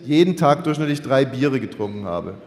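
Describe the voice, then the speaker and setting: A man's voice: medium pitch, expressive, moderate pace, darkish tone, big-room sound. A man in his fifties co-hosting a live podcast, teasing and joking, sometimes mimicking other people for laughs. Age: 50s. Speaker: podcast co-host.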